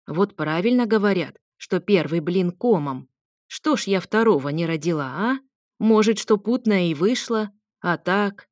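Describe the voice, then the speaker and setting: A woman voicing a brash, commanding grandmother who scolds and mocks loudly, in an audiobook. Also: medium pitch, lively intonation, a little slow, no echo, clean studio sound, natural voice. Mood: scolding. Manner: loud, scolding, mocking.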